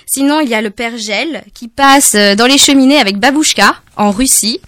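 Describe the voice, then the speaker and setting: A woman with a slightly raised voice talks in a relaxed, unscripted way, pausing on fillers and laughing at her own mistakes. The sound is dry and close, with no room around it. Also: fairly high pitch, no room sound. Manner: hesitant, many fillers, laughs at own slips.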